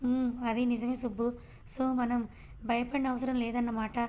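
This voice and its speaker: A woman voicing a greedy, scheming woman plotting quietly in a storybook reading. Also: fairly high pitch, little pitch movement, a little slow, slight background noise, natural voice.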